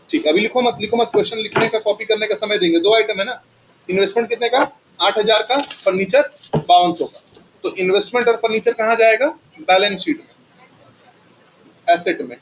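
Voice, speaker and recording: A man's voice: high voice, a bit bright, a little hiss or hum, rough recording. A man teaching accounting to a class. He keeps firing questions at the students and often answers them himself. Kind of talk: classroom lecture.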